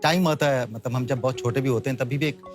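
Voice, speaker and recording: A man conducts an interview with brief, prompting questions. His pitch is ordinary, neither high nor low. Music plays clearly under his voice. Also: fast.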